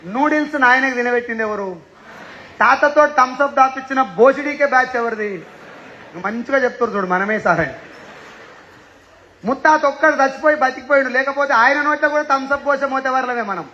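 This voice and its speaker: High, bright-voiced Telangana man teasing a crowd. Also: fairly quick, lo-fi sound, slight background noise. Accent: Telangana Telugu. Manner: teasing, fires rhetorical questions at listeners. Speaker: motivational speaker addressing an audience. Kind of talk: lively seminar talk.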